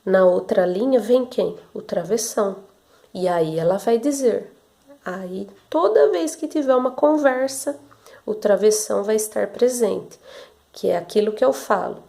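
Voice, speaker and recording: A woman's voice: mid-range voice, animated, unhurried, creaky, dark tone. A woman teacher giving a lesson to young pupils, explaining step by step in a patient way and asking the class questions that she then answers herself.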